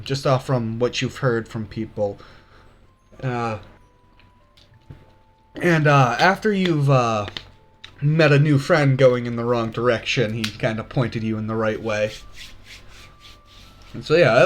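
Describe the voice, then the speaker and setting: A young man narrating as game master, hesitant and full of fillers. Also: mid-range voice. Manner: hesitant, many fillers, laughs often.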